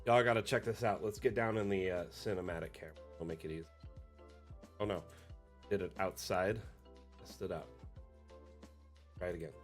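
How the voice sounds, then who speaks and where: A man hosting a livestream as community manager, chatting casually and rambling with many fillers, often trailing off quietly at the ends of phrases. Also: sits low, fairly even intonation, moderate pace, pauses often, soft background music.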